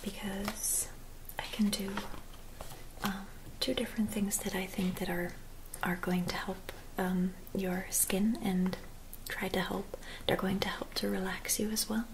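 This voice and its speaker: Slow, soft whispered role-play by a young woman. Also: medium pitch, little pitch movement, a little hiss or hum, low-quality recording. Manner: soft, whispery, gentle and unhurried, attentive. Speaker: ASMR performer playing a spa clinic receptionist and therapist. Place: small dim room at home.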